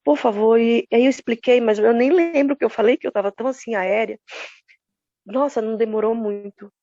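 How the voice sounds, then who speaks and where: A woman's voice: fairly high pitch, fairly quick, warm tone, no echo, muffled recording. A grieving woman giving an earnest church testimony over a call, retelling conversations and prayers. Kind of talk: emotional personal testimony.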